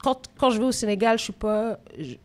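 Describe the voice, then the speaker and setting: She talks fairly quickly, with lively intonation and a slightly high voice: a Québécois-accented rapper in her thirties from Quebec, Canada, reflecting openly on her life in a conversational interview. The phone-recorded clip comes from a live podcast taping at a venue.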